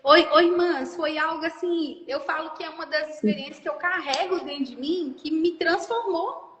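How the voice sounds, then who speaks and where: A Brazilian woman with a high, bright voice shares an earnest, heartfelt testimony. Her words ring through a roomy hall, with a long echo hanging behind each phrase. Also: normal speed, dull audio, slight background noise. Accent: Brazilian Portuguese. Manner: earnest, heartfelt, tearful at times. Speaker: guest sharing testimony. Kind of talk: emotional personal testimony.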